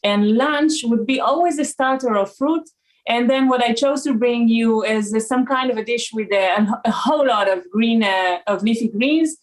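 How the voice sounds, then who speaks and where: Israeli woman, halting and filler-heavy. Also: fairly high pitch, rough recording. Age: 40s. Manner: hesitant, many uh and um fillers. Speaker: raw food consultant, guest. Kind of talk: casual interview chat.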